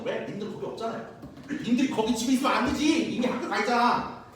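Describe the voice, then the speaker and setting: A young male physics teacher lecturing with loud, slangy jokes and animated storytelling, recorded by a distant mic in a classroom. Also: very high-pitched, a little hiss or hum. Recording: very echoey room, mic far off.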